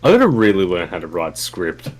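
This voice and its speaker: Brief: twenties guy streamer, low-ish voice, rambling and cursing. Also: huge pitch swings, fairly quick, soft background music. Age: 20s. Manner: swears a lot, rambling restarts. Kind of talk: casual chat while playing.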